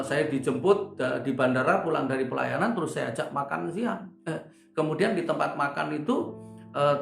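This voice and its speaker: A man's voice: a little high, creaky. An older male pastor preaching a sermon, telling humorous personal stories and acting out the dialogue. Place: church. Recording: echoey church hall. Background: soft guitar music.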